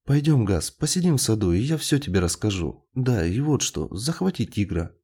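A man's voice: lowish voice, very animated, moderate pace, mellow, husky, full character voice. A man voicing a timid, pleading young wife. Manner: pleading, tearful.

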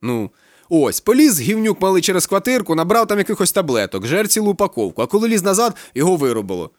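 A coarse middle-aged police captain ranting and cursing in an audiobook, put on by a male reader. The voice is pushed high and loud, with a lively, swinging pitch. The reading is quick and the sound is close and dry. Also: no room sound. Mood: agitated ranting. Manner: shouting, swearing, rambling.

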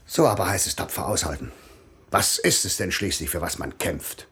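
Pompous small-town magistrate, blustery, voice jumps high and low a lot, old radio play. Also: male voice, big pitch swings, moderate pace, sharp tone, full character voice. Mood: self-pitying. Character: pompous self-important male village magistrate. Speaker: village magistrate. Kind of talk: classic radio play acting.

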